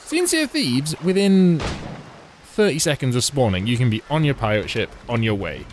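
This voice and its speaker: A let's play host with a mid-range, sing-song voice talks at a moderate pace, tossing out wry, mocking asides as he plays a video game. His sarcastic commentary sits over game music, with slight background noise in the recording.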